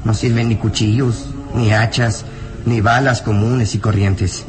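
A male actor with a lowish voice and steady tone, lightly acted, portrays a burly villager in a melodramatic radio play. Horrified, frightened and bitter, the peasant speaks in an anguished, emphatic, halting way.

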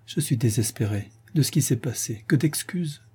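A man reading an audiobook and voicing a remorseful young soldier making a halting confession. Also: medium pitch, animated, mellow, breathy edge. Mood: ashamed.

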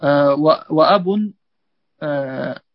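A man, a student reading a grammar text aloud in a lesson with hesitant pauses. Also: on the high side, dry recording. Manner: hesitant, reads with fillers and restarts. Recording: dull lo-fi dry recording.

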